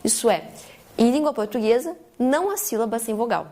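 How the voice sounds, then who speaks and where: A woman's voice: on the high side, animated, a little fast, dark tone. A woman co-narrating a scripted grammar lesson, reading definitions in a textbook tone.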